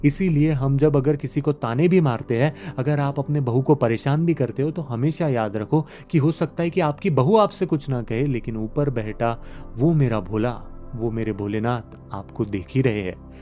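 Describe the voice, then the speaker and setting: A man's voice: mid-range voice, moderate pace, dark tone, faint music behind. A man telling a devotional moral story in an earnest, moralizing manner.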